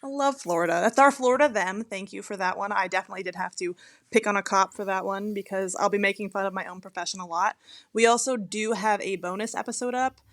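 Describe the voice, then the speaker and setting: A woman's voice: medium pitch, quick pace. Woman, podcast co-host and cop; blunt, sarcastic, swears a lot. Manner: blunt, profane, teasing. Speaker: podcast co-host, police officer. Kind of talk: casual podcast chat.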